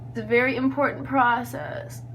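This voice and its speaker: Giggly, tipsy and self-deprecating, a young woman walks through a makeup tutorial in a loose, chatty way. She has a high-pitched, fairly bright voice with fairly even intonation and normal speed, recorded on a distant mic with background noise and hum.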